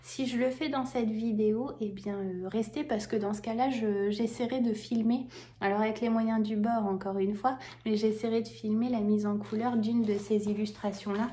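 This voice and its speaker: A woman's voice: a little high, steady tone, moderate pace, warm tone. Chatty woman, full of fillers. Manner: hesitant, many fillers and self-corrections; enthusiastic, gushing. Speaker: vlogger. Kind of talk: casual chat to camera.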